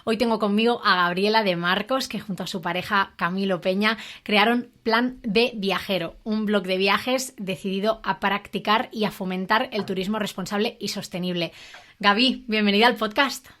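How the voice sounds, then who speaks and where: A woman's voice: mid-range voice, moderate pace, fairly bright tone. Upbeat Spanish woman podcast host. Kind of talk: podcast interview hosting.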